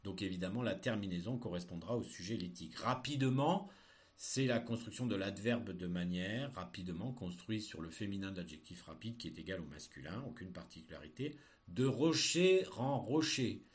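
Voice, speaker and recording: A man teaching, dictating in a deliberate way and explaining grammar didactically, with questions put to the listener. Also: low voice. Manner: dictating phrases slowly and deliberately, then explaining in quicker asides. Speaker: French teacher.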